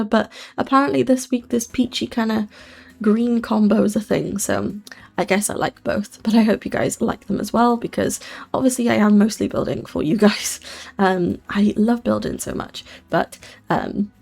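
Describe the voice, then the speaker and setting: A woman's voice: mid-range voice, moderate pace, creaky, a little mellow. A young adult British woman giving casual, chatty, rambling voice-over commentary as a channel host, often correcting herself, with a whistle on her S sounds. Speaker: host of a gaming build channel.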